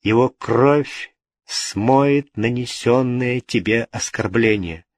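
A man's voice: mid-range voice, slow pace, no room sound, clean studio sound. A man voicing a stern, grieving old father, an astrologer, who speaks firmly and solemnly in a storybook reading. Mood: solemn vow. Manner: firm, solemn.

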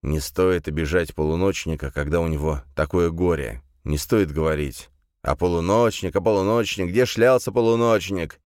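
A man's voice: a bass voice, steady tone, moderate pace, hardly any pauses, darkish tone, dry recording, studio quality. A man reading aloud, voicing a tired middle-aged gendarme who repeats himself mechanically and lectures. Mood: admonishing. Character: weary middle-aged male gendarme, repetitive and fussy.

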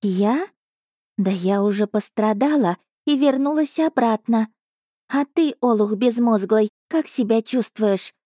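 A woman's voice: a little high, expressive, measured pace, dark tone, no room sound, studio quality, voice pushed up. A woman voicing a feisty, proud female cat familiar who snaps and scolds. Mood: scolding. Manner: snappy and scolding.

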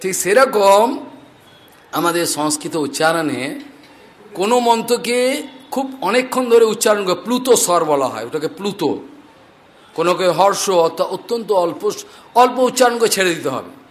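A male preacher giving a scripture discourse, reciting Sanskrit mantras and telling animated stories. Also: high voice, normal speed, long pauses.

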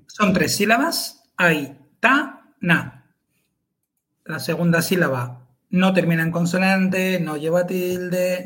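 A man, co-hosting a podcast chat and explaining pronunciation carefully, syllable by syllable. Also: high-pitched. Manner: careful and methodical, spells out syllables.

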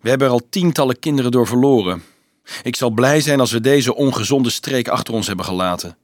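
A man's voice: mid-range voice, a little fast, dry recording, natural voice. Man reading as a serious young crusade leader, terse, dry close sound; storybook role. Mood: earnest. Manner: curt, serious. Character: earnest teenage boy leader of a crusade.

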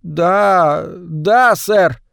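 A man's voice: high voice, extremely slow, gravelly, a bit bright, clear, resonant tone, no room sound, studio quality, pitched above the performer's own voice, heavily acted. A man voicing a timid, sad male rat creature in an audiobook, meek and stammering. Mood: frightened.

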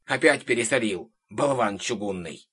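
A man voicing a gruff, bossy old witch woman who talks hoarsely and grumbles, in a storybook reading. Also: fairly low pitch, moderate pace, a bit bright. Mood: scolding. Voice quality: hoarse, cawing like a crow. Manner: domineering, grumbling.

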